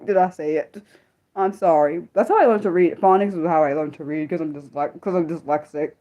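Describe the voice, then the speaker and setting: A woman in her thirties hosts an unscripted livestream, chatting casually with viewers and reading their comments. She rambles and corrects herself as her energy swings between excited and subdued, her mid-range voice captured on a muffled recording.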